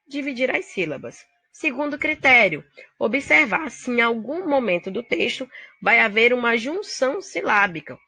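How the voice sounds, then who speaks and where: A literature teacher with a Brazilian Portuguese accent walks her students through poetry step by step in a recorded video lesson. Her mid-range voice is bright and forceful, with no echo.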